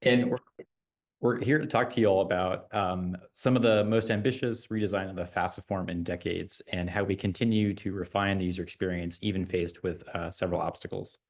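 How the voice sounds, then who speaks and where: Low-voiced man presenting a talk. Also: steady tone, a little fast. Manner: chatty, with frequent fillers and restarts. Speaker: UX designer presenting. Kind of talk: conference presentation.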